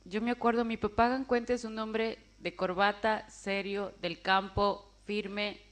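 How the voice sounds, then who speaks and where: A woman's voice: mid-range voice, little pitch movement, measured pace. A woman in her forties giving an emotional personal testimony, acting out the voices of people she quotes. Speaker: testimony speaker.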